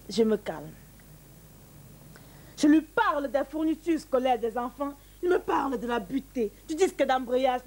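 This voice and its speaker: A woman's voice: high-pitched, a little mellow, rough recording. A woman performing a comic monologue to the audience, dramatic and exasperated.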